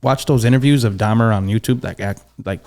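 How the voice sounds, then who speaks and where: A man co-hosting a podcast in casual chat, animated and swearing freely as he acts out little quotes. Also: fairly low pitch, brisk. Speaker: podcast co-host.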